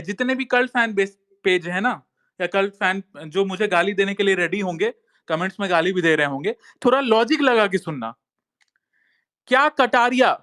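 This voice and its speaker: A man's voice: high-pitched, sharp tone. A man giving a heated monologue in an online talk space, insistent and repetitive, often calling listeners brother. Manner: insistent, repeats phrases and says "bhai" often. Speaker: social media commentator.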